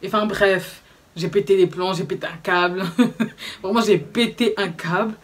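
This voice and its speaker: A young woman with a Belgian French accent, telling a story to camera in casual vlog chat, animated and indignant, with slangy fillers. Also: mid-range voice, normal speed. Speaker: vlogger.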